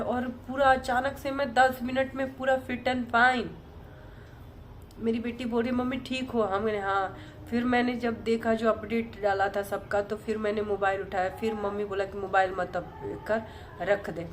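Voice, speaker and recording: A woman vlogger telling a personal story in a casual, rambling way, softly and with many fillers and restarts. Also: a little high, a little hiss or hum.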